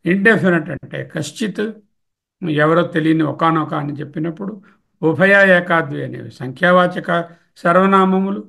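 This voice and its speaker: Guy teaching sanskrit grammar, a bit high and gravelly, lists word forms one by one. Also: moderate pace, sharp tone. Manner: explains in Telugu mixed with English terms, lists forms aloud. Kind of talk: grammar lecture.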